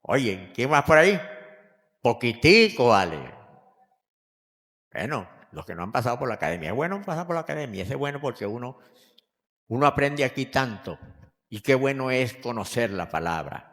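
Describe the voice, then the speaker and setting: A man's voice: mid-range voice, big pitch swings, moderate pace, pauses often. Older man preaching in a reverberant hall. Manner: preaching with swings between loud emphatic lines and quiet storytelling. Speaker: pastor. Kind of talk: sermon. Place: church hall.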